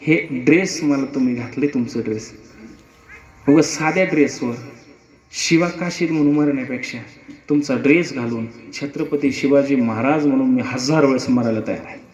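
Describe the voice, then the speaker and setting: A man's voice: medium pitch, moderate pace, darkish tone, echoey room, distant mic, highs cut off, soft background music, lightly acted. A man voicing a loyal young soldier who earnestly begs his king and vows to die for him. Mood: resolute. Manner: earnest, imploring.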